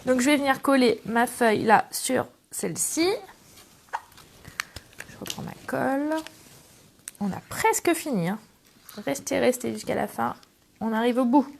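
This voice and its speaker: A woman's voice: on the high side, a little slow, creaky, long pauses, slight background noise. Chatty woman crafting on camera. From France. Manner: chatty and affectionate, talks to viewers while working. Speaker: craft demonstrator and channel host. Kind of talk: casual scrapbooking tutorial.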